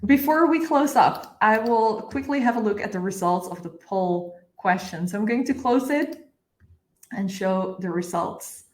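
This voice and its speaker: Speaking a little slowly with lively intonation, this medium-pitched woman in her thirties runs a live webinar via video call. She is indoors in a bright office with glass walls, and the room gives an echoey sound.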